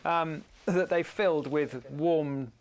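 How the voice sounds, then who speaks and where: Gravelly-voiced male camera operator. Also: fairly high pitch, slow pace. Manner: thoughtful, searches for words with many ums. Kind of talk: panel discussion answer. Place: event in front of an audience.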